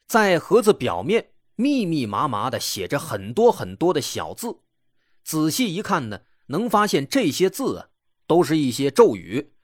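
Animated male true crime narrator. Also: fairly high pitch, dry recording, clean studio sound. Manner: conversational explaining with rhetorical questions.

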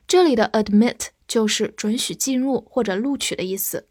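A woman whose first language is Chinese, teaching English vocabulary, patiently spelling words letter by letter and leading slow read-alongs. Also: a little high, a little mellow, no room sound, studio quality.

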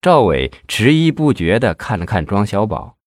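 An audiobook narrator, a man with a fairly low voice, reads a crime novel in a lively storytelling style at a moderate pace. The scripted narration has clean studio sound with no room sound.

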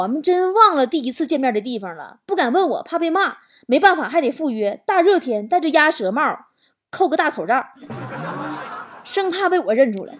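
A woman talk show host, telling stories in an animated, exaggerated comic monologue. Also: high voice. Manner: animated, exaggerated storytelling with swearing and laughter. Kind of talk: comedic monologue.

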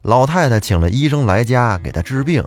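A man's voice: medium pitch, animated, brisk, faint music behind. A man telling a folk tale in a chatty way, speaking directly to the listener. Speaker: storyteller.

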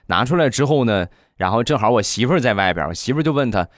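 A man's voice: medium pitch, rapid-fire, no echo, studio quality. Chatty man telling funny stories. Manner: chatty, relaxed anecdote-telling. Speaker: podcast host. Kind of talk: comic storytelling.

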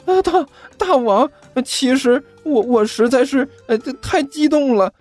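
A man voicing an excitable, stammering male low-rank demon servant who gushes about his idols. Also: a little slow, soft background music. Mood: eager. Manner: stammering, breathless and gushing.

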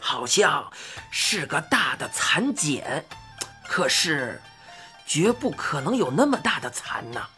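A woman voicing an odd old man in a storybook, who talks slowly and musingly, as if lecturing. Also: deep voice, sing-song, pushed and bright, faint music behind, voice pushed down, heavily acted. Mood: puzzled.

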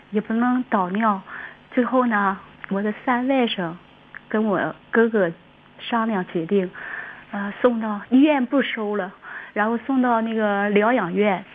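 A woman, calling in by phone and telling a heartfelt, tearful story. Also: a little high. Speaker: caller. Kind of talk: emotional phone-in conversation. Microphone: telephone. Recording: tinny phone line.

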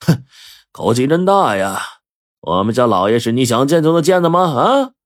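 A man's voice: medium pitch, sing-song, moderate pace, pitched above the performer's own voice, lightly acted. A man voicing a haughty, dismissive male runner at a government office in a told tale. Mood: scornful.

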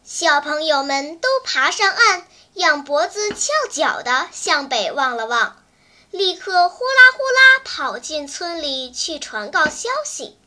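Very high, slow, expressive storyteller. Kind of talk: scripted children's story narration.

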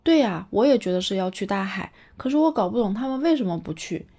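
A woman voicing a kind, gentle little water drop in a cartoon story, soft and childlike. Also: medium pitch, lively intonation, fast talker. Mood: curious.

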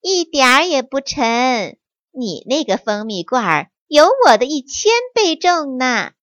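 A woman's voice: high-pitched, big pitch swings, unhurried, fairly bright tone, no room sound, full character voice. Woman doing a sly, lilting fox cub who teases. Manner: sly, teasing, light and breezy. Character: sly, cheerful little male fox.

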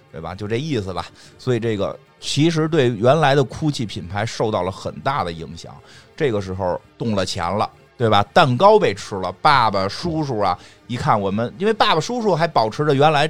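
A man co-hosting a podcast in casual chat, joking and acting out quotes. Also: mid-range voice. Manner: animated, joking, acts out quotes. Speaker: podcast co-host.

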